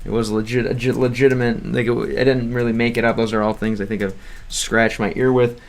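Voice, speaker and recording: A young man from the United States chats casually on a livestream in a mid-range, level voice, talking a little fast. His beginner Russian is hesitant and rambling, packed with fillers, restarts and self-corrections.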